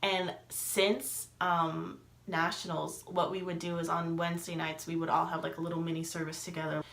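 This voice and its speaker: A woman's voice: lowish voice, level tone, normal speed, fairly bright tone. A young adult woman vlogger telling a personal story in a chatty way, with many fillers and acted-out dialogue. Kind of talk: casual storytelling. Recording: echoey room.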